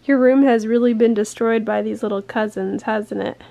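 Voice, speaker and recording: High-voiced chatty mom on a farm vlog. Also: female voice, steady tone, moderate pace, vocal fry, mellow. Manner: chatty, playful, laughs often. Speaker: vlogger, mother. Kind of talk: casual family vlog chat. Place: farm home, in and out of doors.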